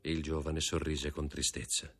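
A man narrating an audiobook in a subdued, hushed manner. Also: sits low, normal speed.

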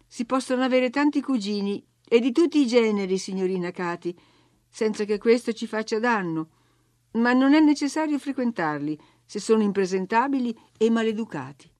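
A woman's voice: fairly high pitch, animated, normal speed, darkish tone, no echo, clean studio sound, natural voice. A woman voicing a firm housekeeper who scolds and soothes a young girl, in a storybook reading. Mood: reproving. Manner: reproving, firm. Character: stern but kindly female housekeeper, scolding.

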